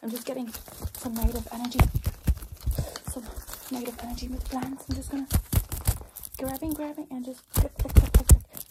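A young woman doing fast, aggressive ASMR ASMR role-play, mostly soft-spoken with bursts of soft voice and repeating short words rapidly. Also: sits high. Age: young adult. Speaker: ASMR performer. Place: small indoor room with acoustic foam panels. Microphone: held or very close microphone. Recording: close noisy mic with handling clicks.

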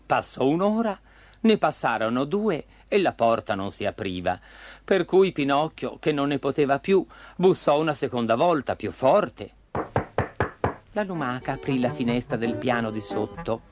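A man narrating a children's story in an expressive, lively way. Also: mid-range voice, normal speed, soft background music.

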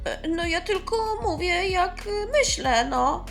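A woman's voice: very high-pitched, animated, takes it slowly, fairly bright tone, soft background music, full character voice. A woman voicing a young boy, a caring but awkward older brother who speaks hesitantly. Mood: concerned.

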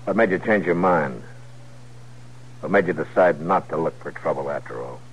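An actor playing a steady, skeptical American frontier marshal, terse and authoritative, in a 1950s radio western. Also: male voice, a bass voice, normal speed, breathy edge, exaggerated voice. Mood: firm, measured. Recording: muffled, noisy 1950s radio recording.

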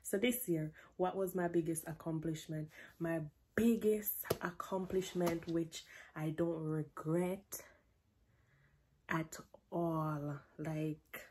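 Taking it slowly in a low voice over slight background noise, a Jamaican vlogger in her twenties chats through a playful Q&A from her bedroom. She's laid-back, lapses into patois with her Jamaican accent, and is recorded by a close-range camera.

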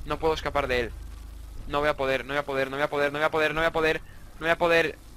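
A man's voice: fairly high pitch, flat delivery, very fast, pushed and bright, slight background noise. A young man from Spain with a Spanish accent, commentating a horror game he plays, swearing a lot and jumping between jokes and startled outbursts. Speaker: gaming YouTuber.

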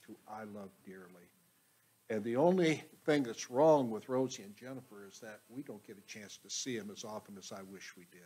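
Husky older pastor introducing a speaker. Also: male voice, on the low side, low-quality recording. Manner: warm, affectionate introduction. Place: small church, indoors. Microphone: handheld microphone.

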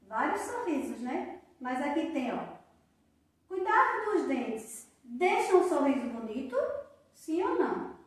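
High, slow Brazilian woman teacher. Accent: Brazilian Portuguese. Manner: slow, patient sounding-out of syllables. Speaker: primary school teacher. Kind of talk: recorded literacy lesson for young children. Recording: very echoey room, voice from a distance.

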